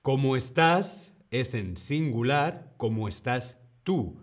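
A man with a Spain accent hosting a live-streamed language lesson, speaking at a slow, unhurried pace in a voice of middling pitch. He opens with lively greetings, then settles into patient explanation, repeating each example. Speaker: Spanish teacher and streamer.

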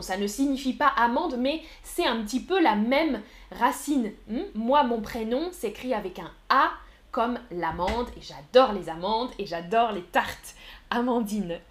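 Woman, French teacher on a live stream, slow and deliberate, slightly high voice, repeats key words for learners. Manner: slow, clear teacherly delivery with repetitions; chats with viewers in the chat. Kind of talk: live-stream language lesson.

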